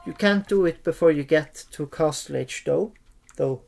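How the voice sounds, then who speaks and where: A streamer giving an unscripted, hesitant gameplay tutorial, often pausing and repeating phrases. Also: medium pitch, vocal fry, darkish tone. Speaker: streamer and game tutorial host.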